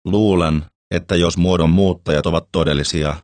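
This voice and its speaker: A very deep-voiced man reads a horror story aloud at a steady, even pace. His voice sits dry and close, with no room sound around it. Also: no room sound. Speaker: narrator.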